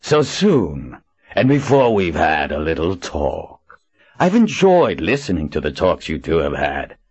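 A man voicing a gravelly, gloating villain. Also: big pitch swings, darkish tone, dry recording, exaggerated voice. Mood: taunting. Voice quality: deep and gravelly. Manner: slow, taunting, mocking. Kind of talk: audiobook character voice.

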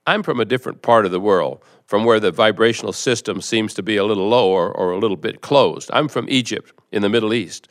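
Nervous earnest seminar guest, read by a man, lowish voice, hesitant questions. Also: fairly quick, few pauses, lightly acted. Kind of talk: reading a seminar transcript aloud.

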